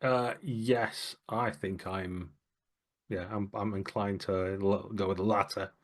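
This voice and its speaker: A man with a low voice narrates a tabletop horror session. He lays out each detail in a measured, steady way. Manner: measured, descriptive storytelling. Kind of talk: tabletop role-play narration.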